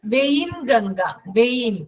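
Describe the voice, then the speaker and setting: A woman teacher, running a live online class and repeating lists slowly so students can write them down. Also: fairly high pitch, lively intonation, rough recording.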